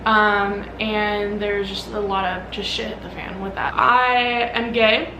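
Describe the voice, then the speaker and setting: A woman's voice: medium pitch, flat delivery, slow pace. A woman in her early twenties with an American accent, chatting casually and a bit ramblingly as she answers questions about herself in a vlog. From Omaha, Nebraska, United States. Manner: informal, rambling, frequent "like". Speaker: vlogger. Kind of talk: casual get-to-know-me Q&A vlog. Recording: roomy echo, clear background noise.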